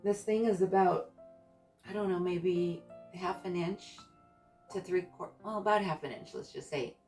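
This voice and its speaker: A woman vlogger casually recounting a personal experience in a halting, hesitant way, searching for her words. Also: fairly low pitch, darkish tone. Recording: distant mic with background music.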